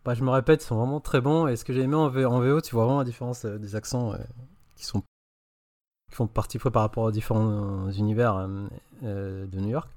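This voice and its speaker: A man's voice: medium pitch, steady tone, brisk, darkish tone, no room sound. Enthusiastic French podcast man, dry sound. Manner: enthusiastic, opinionated, hesitant with many fillers. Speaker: podcast film reviewer. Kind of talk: casual podcast chat.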